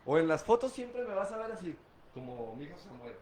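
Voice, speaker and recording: A man's voice: fairly high pitch, big pitch swings, a little fast, a little mellow, slight background noise. A middle-aged man from Guadalajara with a Mexican Spanish accent, giving a candid, profane account of his past drinking in street slang. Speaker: guest recounting his addiction. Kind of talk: candid personal testimony.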